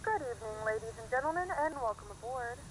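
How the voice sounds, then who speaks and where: A woman reads a plane cabin announcement as a flight attendant, polite and formal. She speaks briskly in a fairly high voice. Steady background noise sits under the whole announcement. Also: poor audio. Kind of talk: cabin announcement played inside a flight simulator.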